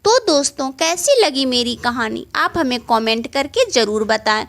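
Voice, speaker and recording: Brief: expressive woman storyteller with a high, animated voice, telling a heartfelt family tale. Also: moderate pace. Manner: expressive, emotional, direct to listeners. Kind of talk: first-person story narration.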